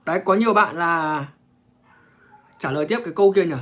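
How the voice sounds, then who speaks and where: A man's voice: on the high side, a little fast, a bit bright. A man, ranting bluntly and crudely to viewers on a livestream. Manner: crude, profane, blunt, lecturing.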